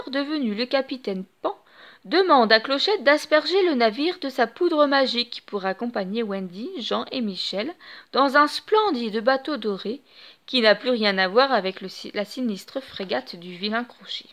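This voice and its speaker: A woman with a high voice reading a children's storybook aloud. She tells it expressively and with lively animation, as if to young listeners. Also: moderate pace. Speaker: storybook reader.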